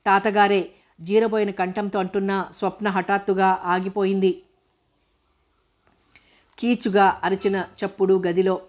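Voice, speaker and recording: Woman narrating in a flat, even voice. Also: medium pitch, unhurried, pauses often. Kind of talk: scripted audiobook narration.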